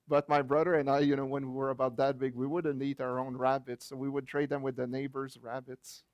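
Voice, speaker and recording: A native French speaker from Quebec with a French Canadian accent, this author and guest speaker gives a chatty, anecdotal book-launch talk full of light chuckles and fillers. His medium-pitched voice is brisk and flat in delivery, with no echo.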